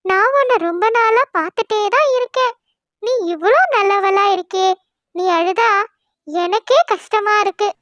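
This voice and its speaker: A woman's voice: very high-pitched, unhurried, dry recording, muffled recording. A woman voicing a kind, caring talking cloud in a cartoon story. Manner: gentle, soothing.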